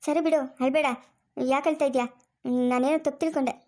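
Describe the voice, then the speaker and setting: A woman's voice: sits high, fairly even intonation, fast talker, mellow, close to an everyday voice. A woman playing a demanding grandmother spirit. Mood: stern, demanding. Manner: commanding, listing demands. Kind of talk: family drama acting.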